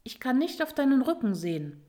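A woman's voice: sits high, very animated, brisk, mellow, voice pushed up. A woman voicing a boastful, fibbing little mouse who talks glibly and evasively. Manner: glib, evasive chatter.

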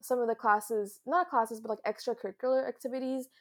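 A woman's voice: a little high, steady tone, a little fast. A young woman from France, a podcast guest, talking casually over a video call, laughing and rambling a little. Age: young adult. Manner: giggly, rambling, self-deprecating. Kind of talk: casual interview.

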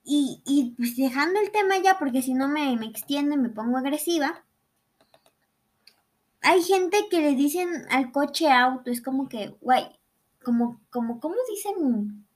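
A woman's voice: high-pitched, lively intonation, measured pace. A young Mexican woman rambling sarcastically through a playful, comedic explainer. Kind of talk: casual comedic explainer monologue.

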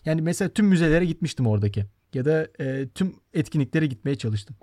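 A man's voice: on the high side, lively intonation, fast talker, warm tone, dry recording, clean studio sound. A man in his twenties from Turkey hosting a casual podcast chat, choosing his words with care. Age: 20s. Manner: careful word choice. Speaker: podcast host.

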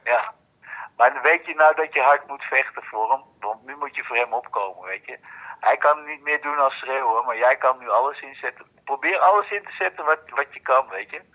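A man's voice: mid-range voice, a little fast, bright, forceful tone. An older man on a phone call, answering sympathetically with short replies and stammering restarts. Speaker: father on the phone. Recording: dull lo-fi phone line.

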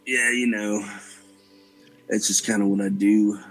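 Man doing a slow husky chill dude. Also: fairly low pitch, faint music behind, rough recording. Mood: laid-back. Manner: drawling, relaxed, says man a lot. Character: laid-back young adult man, easygoing dude.

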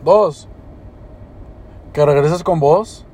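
A man's voice: fairly high pitch, drawn-out words, warm tone, slightly rough. A young man hosting a podcast, talking in a rambling, emotional, slangy way. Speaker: podcast host. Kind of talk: casual podcast chat.

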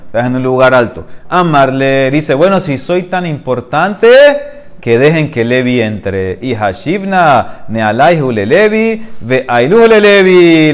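A man teaching a Talmud class, slowly reading out Aramaic phrases and then explaining them quickly, often asking rhetorical questions. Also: mid-range voice.

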